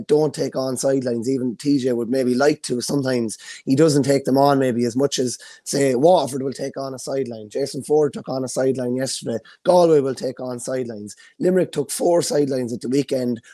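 A man's voice: mid-range voice, warm tone, no echo, clean studio sound. A young Irish man on a video call, enthusiastically talking through hurling statistics. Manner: enthusiastic, stat-driven. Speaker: hurling analyst. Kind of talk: casual sports analysis.

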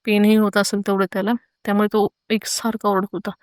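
A woman earnestly recounting her own frightening experience, pausing with hesitant fillers. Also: mid-range voice, monotone, no room sound, clean studio sound. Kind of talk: first-person horror account.

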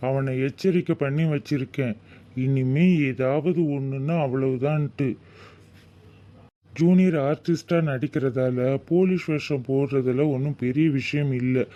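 Man doing a protective tough young brother, cartoon, blunt, mellow voice, dull lo-fi sound. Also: medium pitch, close to an everyday voice. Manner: blunt, scolding. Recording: dull lo-fi recording.

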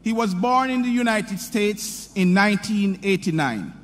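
A middle-aged man at a podium formally introducing a commencement speaker, reading a prepared script in a measured, sing-song delivery. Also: high-pitched, fairly bright tone. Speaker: university president introducing the speaker. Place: large hall, speaking at a podium. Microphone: podium microphone. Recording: hall reverb with faint ambience.

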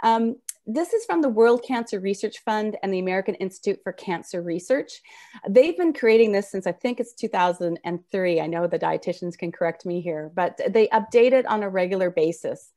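A woman's voice: mid-range voice, expressive, brisk, mellow. Woman presenter with slushy s sounds. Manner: slurred, slushy s sounds from wearing braces. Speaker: registered nurse presenting a health webinar. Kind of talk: informal lecture over slides. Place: indoor room, video call.

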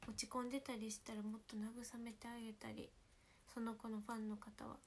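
A teenage woman with a Kansai accent chatting casually with fans on a livestream, speaking softly and often whispering because of a sore, swollen throat. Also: a little high, little pitch movement, a little fast, slight background noise. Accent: Kansai Japanese. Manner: soft-spoken, often drops to a whisper. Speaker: idol livestream host. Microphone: phone.

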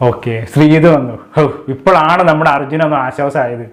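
A man's voice: fairly high pitch, fairly quick, soft background music. A man giving a casual, chatty recap of a reality show and talking straight to his viewers. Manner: chatty, addresses viewers as kids. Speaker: show commentator.

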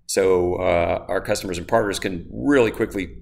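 A man's voice: low voice, fairly even intonation, normal speed, vocal fry, darkish tone. A man hosting a short company video in a playful, joking manner. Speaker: host, company founder. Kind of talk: casual chat.

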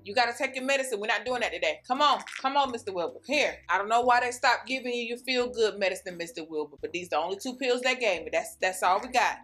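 A woman's voice: fairly high pitch, fast, hardly any pauses, a bit bright. A woman doing a comedy sketch monologue as a nursing home aide, sassy and gossipy, chatting in casual dialect.

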